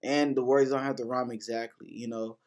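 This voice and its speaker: A man's voice: mid-range voice, little pitch movement, a little fast, darkish tone. A man hosting a casual lesson that breaks down rap lyrics, talking loosely with lots of fillers, restarts and casual swearing. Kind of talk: casual explanatory commentary.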